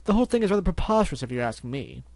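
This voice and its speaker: A man voicing a pompous, well-spoken gentleman pony in a storybook reading, with prim, formal, wordy speech. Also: fairly high pitch, very animated, rapid-fire, dry recording, pitched above the performer's own voice. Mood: dismissive.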